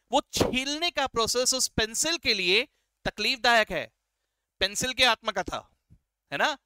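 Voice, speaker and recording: An extremely high-pitched man with a sharp yet smooth tone is heard without room sound. He teaches introductory accounting in a lecture blending Hindi and English, friendly and encouraging, breaking things down step by step. Constant "right?" and "okay?" checks accompany his use of "beta" and "sir" for students.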